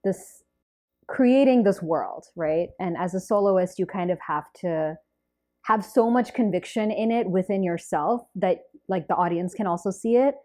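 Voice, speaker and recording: Female interviewer, mellow lower register, gently curious and encouraging. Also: a little slow. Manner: curious, supportive, frequent affirmations. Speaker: podcast host. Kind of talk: casual interview conversation.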